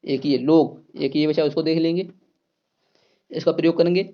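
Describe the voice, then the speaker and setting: A man's voice: on the high side, fairly even intonation, moderate pace, lo-fi sound. A man teaching an exam-prep grammar lesson, repeating key words and asking and answering his own questions.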